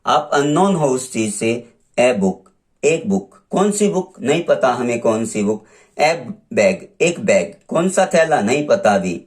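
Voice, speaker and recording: Male tutor, unhurried and deliberate, drilling examples one at a time in a lesson. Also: fairly high pitch, a little mellow. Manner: slow, repeats examples and sounds them out. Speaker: English grammar teacher. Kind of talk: classroom lesson explaining articles.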